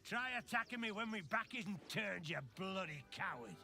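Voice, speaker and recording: Game shopkeeper, bright, pushy, faint music. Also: male voice, high-pitched, animated, moderate pace, vocal fry, full character voice. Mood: angry. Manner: curt, swearing, suspicious. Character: brusque male weapon seller with a temper.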